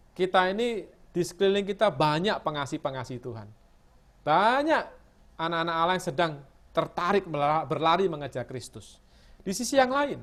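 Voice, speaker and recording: A middle-aged man giving sermon-style Bible teaching over a video call, emphatic, asking his listeners rhetorical questions. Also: high-pitched.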